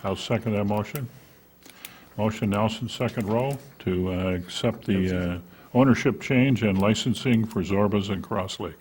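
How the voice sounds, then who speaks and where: A man chairing a city council meeting, running motions in a brisk, informal way with light jokes. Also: lowish voice, a little mellow, slight background noise. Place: council chamber.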